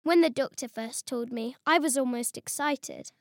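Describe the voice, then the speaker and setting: A high-pitched woman reads a children's storybook aloud, telling it in an expressive first-person voice as a young boy. Her voice is close and dry, with no room sound around it. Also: normal speed, no room sound. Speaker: storybook reader.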